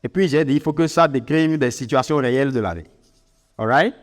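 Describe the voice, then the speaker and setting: A man with an African French accent giving an informal spoken lesson as a teacher. He talks in an animated way, with many fillers and repeated words. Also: mid-range voice, fairly quick, long reverb tail. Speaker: English teacher.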